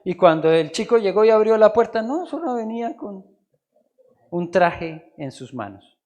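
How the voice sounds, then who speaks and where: A Colombian man preaching a sermon as pastor in a church, swinging between quiet asides and loud, emphatic lines. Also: sits high, big pitch swings, normal speed, dull audio.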